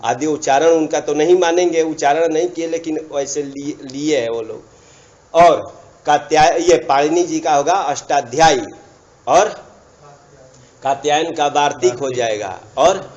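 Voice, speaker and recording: A man's voice: a little high, unhurried, darkish tone. Man teaching grammar, lo-fi. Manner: repetitive, checks understanding with asides. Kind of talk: explanatory grammar lesson. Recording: dull lo-fi recording.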